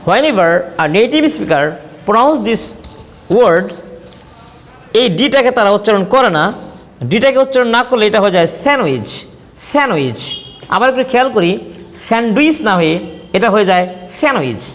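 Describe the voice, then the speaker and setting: Male English teacher with a Bangladeshi accent, lively pitch, drills words slowly, reverberant room. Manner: repeats example words slowly, contrasting pronunciations. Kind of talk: spoken English lesson. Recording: long reverb.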